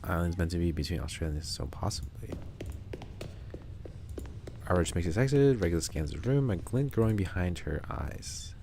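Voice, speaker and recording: A man's voice: deep voice, expressive, moderate pace, long pauses, a little hiss or hum. A male streamer reading a story game aloud in a laid-back, joking way. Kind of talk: casual gameplay commentary. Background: soft background music.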